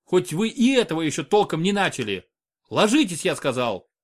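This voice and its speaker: A man's voice: a little high, sing-song, moderate pace, pitched above the performer's own voice. A man voicing a huge, stern male doctor who barks curt orders. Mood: commanding.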